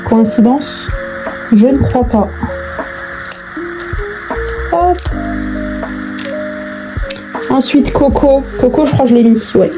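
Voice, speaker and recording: Music plays under a young adult woman's high-pitched voice as she works on a craft, speaking slowly with frequent pauses. An online video creator, she chats in casual slang and thinks aloud; the recording quality is low.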